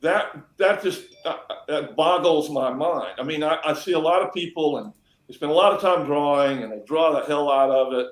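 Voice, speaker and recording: A man with a slightly raised pitch, speaking earnestly as a cartoonist in casual conversation. His voice carries a roomy echo, as if the mic picks up the walls around him. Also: moderate pace. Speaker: editorial cartoonist. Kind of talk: casual chat.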